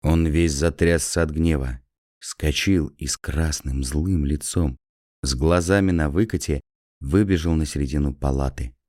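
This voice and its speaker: A man narrating a classic story in a measured storytelling way. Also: rumbling low, darkish tone, no echo, studio quality.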